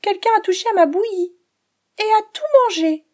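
A woman voicing a tiny baby bear in a storybook reading, with a squeaky, very high childlike voice. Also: moderate pace, mellow. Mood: upset.

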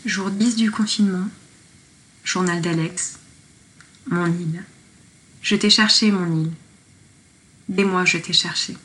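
A woman's voice: on the low side, fairly even intonation, takes it slowly, pauses often, a bit bright, low-quality recording. A woman reading her own poetic lockdown diary aloud in a tender, reflective way. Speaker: diarist.

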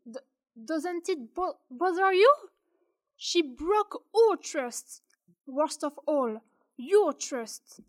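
A woman's voice: high voice, lively intonation, extremely slow, exaggerated voice. A woman playing a spiteful young crew member who threatens to spill secrets, in a student audio drama. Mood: scornful. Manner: scornful, threatening.

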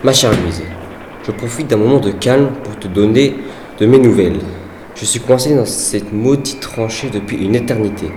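A man giving an earnest, measured dramatized reading of a wartime letter. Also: lowish voice, a little mellow, a little hiss or hum. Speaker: reader of a soldier's letter. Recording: echoey room with faint background ambience.

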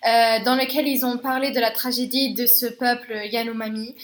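Even, high-voiced woman interpreter. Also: normal speed. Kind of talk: consecutive spoken translation, voice-over.

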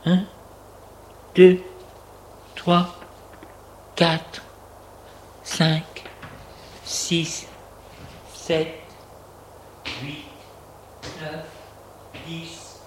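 Agitated bedridden young man, curt and stubborn, read by a man, slow delivery. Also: on the high side, a little hiss or hum. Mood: flat counting. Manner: defiant outbursts, then flat counting. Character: sick, agitated young man held in bed.

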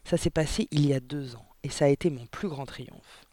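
A man reading a storybook aloud, voicing a gentle, timid young woman schoolteacher who speaks softly and earnestly. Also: medium pitch, normal speed, dry recording, natural voice.

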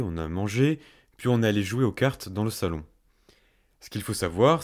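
A man's voice: fairly low pitch, a little mellow. A young man narrating a first-person story in a fireside storytelling style, with a colloquial, self-mocking comic touch. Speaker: host and storyteller.

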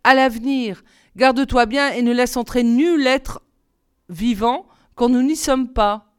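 Seven protective dwarfs speaking as one, voiced by a woman reading a fairy tale, earnest and warning. The voice is a little higher than usual and smooth. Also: a little slow, close to an everyday voice.

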